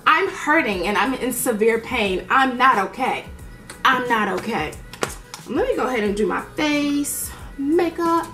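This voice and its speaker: A woman's voice: sits high, a little slow, reverberant, faint music behind. A woman telling a story in a casual chat while doing her makeup, blunt and profane, acting out what people said. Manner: animated, blunt and profane, acts out quoted dialogue. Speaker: beauty vlogger.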